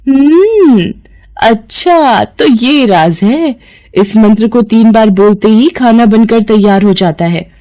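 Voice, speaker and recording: A woman's voice: a little high, lively intonation, slow pace, mellow, voice pushed up. A young sister-in-law , voiced by a woman, asks one worried question after another. Her voice sits well above the storyteller's own, and she stays fretful and sorry for herself. It is cartoon voice acting. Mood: scheming. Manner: rising panicky questions.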